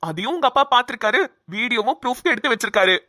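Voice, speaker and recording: Woman voicing a soothing young man, cartoon, bright tone, dry close sound. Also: a little high, lively intonation, very fast, no room sound. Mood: calm. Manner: soothing, explaining. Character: calm reassuring young man, the fiancé. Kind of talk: cartoon voice acting.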